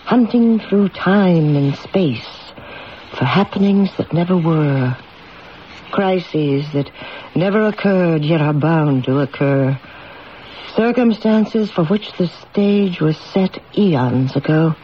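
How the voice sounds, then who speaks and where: Theatrical fortune-teller woman, lively intonation. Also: fairly low pitch, slow. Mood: theatrical, knowing. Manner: dramatic fortune-teller delivery, commanding. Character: theatrical woman therapist and former fortune teller, assured, coaxing. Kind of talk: radio drama acting. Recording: dull, hissy radio recording.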